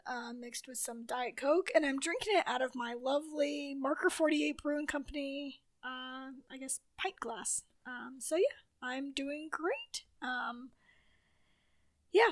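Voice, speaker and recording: A woman co-hosting a casual online show, chatty and easygoing, with frequent fillers. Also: high-pitched. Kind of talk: casual chat.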